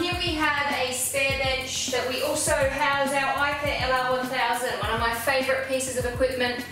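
A woman in her forties with an Australian accent, giving an upbeat, practical guided tour of her cosmetic lab and talking straight to the viewer. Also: a little high. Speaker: cosmetic chemistry educator. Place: small commercial lab with steel benches, indoors. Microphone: lapel mic. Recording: echoey lab room with background music.

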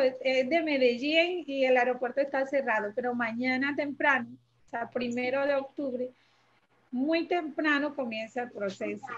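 A woman's voice: high voice, dull audio. A woman telling her story as an interview guest, speaking hesitantly, searching for words and repeating herself. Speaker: interview guest, mother of a heart transplant recipient. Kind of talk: emotional personal testimony.

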